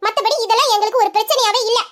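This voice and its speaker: A woman's voice: very high voice, rapid-fire, a bit bright. A woman voicing a caring young woman who comforts a crying friend in an audio drama, speaking in a soothing, coaxing way. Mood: comforting.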